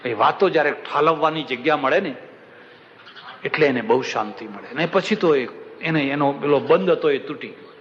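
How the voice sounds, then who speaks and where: A religious discourse speaker delivers a devotional sermon full of storytelling, speaking emphatically and repeating phrases for effect. His voice is a little high and moderately paced, captured in a reverberant, dull-sounding large hall with faint hiss.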